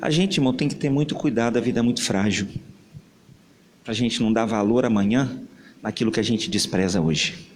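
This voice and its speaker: A man's voice: lowish voice, fairly quick. A man preaching a sermon as pastor, telling a story with dramatic acted-out family dialogue. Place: church hall. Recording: church hall with long reverb, faint noise.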